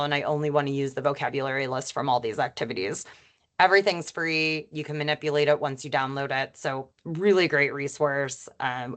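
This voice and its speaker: A former teacher presents a webinar in a fast, chatty way, joking that she speaks like an auctioneer. Her voice sits a little low for a woman. Her tone is informal and friendly, peppered with fillers. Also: fairly bright tone. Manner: rapid, chatty, self-described auctioneer pace.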